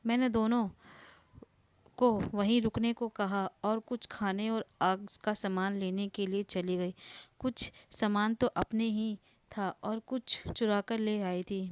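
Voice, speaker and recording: A woman tells a first-person life story with earnest feeling. Her voice is smooth and clear at a middle pitch, recorded close and dry with no room echo.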